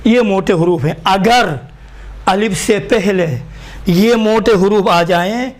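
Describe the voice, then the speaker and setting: A man teaching Quran reading in a live class, slowly repeating letters for students to write down. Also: sits high.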